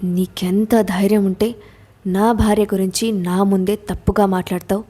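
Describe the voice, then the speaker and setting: A woman's voice: mid-range voice, level tone, moderate pace, dark tone, slightly rough, natural voice. A woman voicing a cruel, vengeful man who threatens in a cold, taunting way, read out in an audio story. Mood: menacing.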